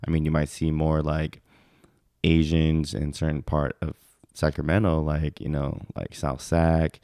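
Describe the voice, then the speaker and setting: A young man from California, a podcast guest chatting casually in a relaxed, rambling way with many fillers. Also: very deep voice, unhurried, no room sound, clean studio sound. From California, USA. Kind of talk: casual chat.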